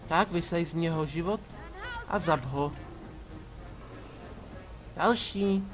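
A man's voice: fairly high pitch, a little hiss or hum. A man giving casual commentary while playing a game, bossing his party members around with sarcastic asides. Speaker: let's play gamer. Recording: game music behind voice. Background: game music.

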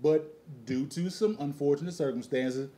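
A man's voice: a little high, dark tone. A man co-hosting a food review, chatting casually and jokingly, drawing out and repeating his words. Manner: joking, drawn-out, repeats himself. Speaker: co-host of a food review show. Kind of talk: casual chat.

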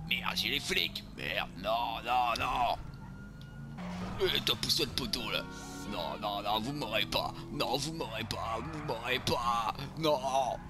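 Un homme jouant un beauf marseillais bourru. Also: male voice, medium pitch, lively intonation, slow, long pauses, music in the background. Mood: grumbling. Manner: crude, vulgar grumbling, talking to himself while playing. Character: boorish drunk beer-loving lout, man, crude and brash. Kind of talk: game role-play commentary.

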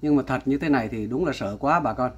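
A man's voice: medium pitch, fast talker, dull audio, a little hiss or hum. A man giving an exasperated commentary vlog, talking straight to his viewers and repeating exclamations of disbelief. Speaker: vlogger.

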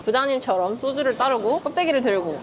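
A woman food vlogger chatting playfully as she eats, full of quick exclamations. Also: high-pitched, lively intonation. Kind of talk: casual mukbang chat. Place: busy restaurant. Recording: restaurant crowd chatter behind. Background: diners chattering.

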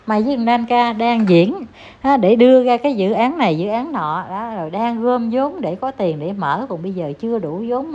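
A woman's voice: fairly high pitch, darkish tone. A woman with a Southern Vietnamese accent giving a heated, scolding commentary vlog, talking down to the person she criticizes. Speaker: online commentator. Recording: slightly dull recording, faint background ambience.

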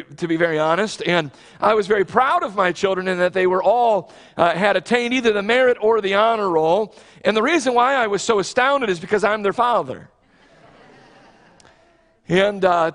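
A man's voice: high voice, fairly bright tone. An American man in his thirties preaching a sermon from a church platform, earnest and emphatic, often restarting his phrases. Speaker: pastor. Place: large church sanctuary, on the platform. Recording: long church reverb.

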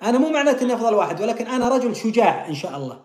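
A man's voice: very high-pitched, very animated, rapid-fire, darkish tone, reverberant. A man hosting an online call-in chat, pressing his caller with repeated questions and laughing while he argues. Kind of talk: casual debate.

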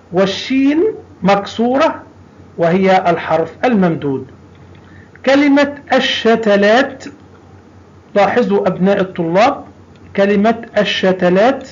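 A man teaching a primary school language lesson, patiently drawing out sounds and repeating words for young pupils. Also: high voice. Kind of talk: recorded classroom lesson. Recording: dull lo-fi recording.

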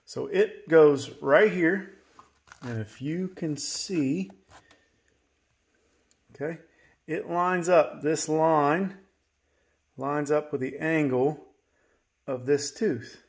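A man's voice: a little high, extremely slow, pauses often. A man in his thirties giving a casual workshop tutorial, talking straight to viewers and checking in with a folksy "okay?" between steps. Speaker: chainsaw maintenance presenter. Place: indoor home workshop.

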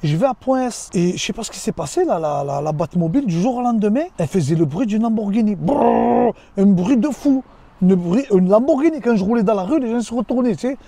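A man in his thirties telling a casual vlog story from inside his car, lively and slangy, talking straight to the viewer. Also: sits high, fast, dry recording. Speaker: vlogger.

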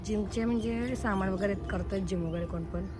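Speaking a little fast in a mid-range voice over background noise, a woman with a Marathi accent films herself on a handheld camera at a park playground. She chats casually to viewers while coaxing a small child.

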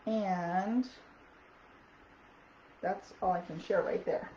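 A female vlogger chats casually to the camera about wellness products, her voice raspy and hoarse from talking. She speaks very slowly at a medium, steady pitch with a warm tone, reading product notes aloud and saying "um" a lot. The audio is echoey and dull, with faint background noise.

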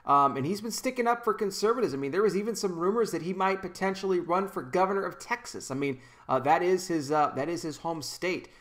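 A man's voice: high voice, brisk, few pauses, a bit bright. Earnest man hosting a commentary vlog. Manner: earnest, talks with hand gestures, frequent restarts. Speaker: commentary channel host. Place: small indoor room with kitchen behind. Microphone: desk microphone in front of him.

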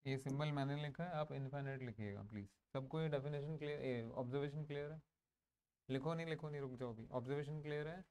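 A man's voice: mid-range voice, quick pace, darkish tone, clear, resonant tone. A man teaching a maths class in a classroom, switching between Hindi and English and often checking that students follow. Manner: mixes Hindi and English, asks the class to confirm. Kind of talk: classroom lecture.

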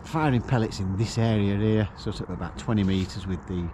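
This middle-aged fishing vlogger stands outdoors by a lake, casually talking his plans through to the camera. He speaks at a normal speed in a fairly low voice, with background noise around him.

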